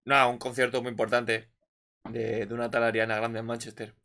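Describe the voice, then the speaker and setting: A man with a Spain Spanish accent, co-hosting a podcast and reading historical dates out loud in casual chat. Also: medium pitch, little pitch movement, brisk, a crowd in the background. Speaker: podcast co-host.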